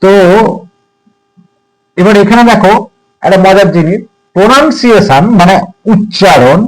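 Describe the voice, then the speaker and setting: A man with a fairly high voice teaches a lesson. He is patient and repetitive, and he keeps asking the listener questions as he counts things through. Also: animated, moderate pace, rough recording. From Bengal. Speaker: English teacher. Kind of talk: lesson explaining syllables.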